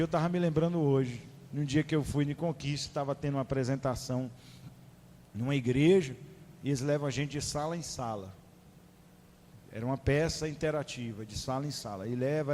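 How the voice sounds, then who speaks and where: A man preaching a sermon in a conversational, animated way, speaking straight to his listeners. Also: medium pitch, big-room sound, a little hiss or hum.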